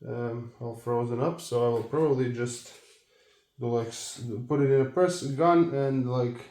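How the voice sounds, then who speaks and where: A man talking casually through a do-it-yourself car job. He is hesitant and self-deprecating and thinks aloud as he goes. The audio is a low-quality phone recording made without a microphone. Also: unhurried, dark tone. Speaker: car vlogger. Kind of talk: casual DIY walkthrough. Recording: echoey, noisy phone recording.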